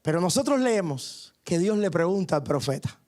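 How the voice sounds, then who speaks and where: A man's voice: high voice, sing-song, normal speed, darkish tone. A male pastor preaching a sermon in a church, fervent and punctuated with frequent hallelujahs. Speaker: guest pastor. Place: church sanctuary.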